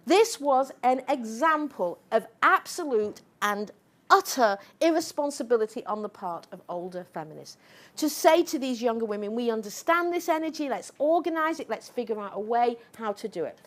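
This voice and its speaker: A woman's voice: a little high, animated, normal speed, a bit bright. A middle-aged woman professor giving an impassioned lecture, combative and sarcastic, pressing her points with a constant "okay?" and "right?". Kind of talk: impassioned public talk.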